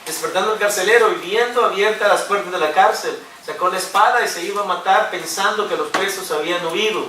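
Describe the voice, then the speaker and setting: In a high-pitched, bright, forceful voice, the male pastor preaches fairly quickly, joking and slipping in English fillers. The church hall sound is roomy and distant, carrying a little hiss or hum.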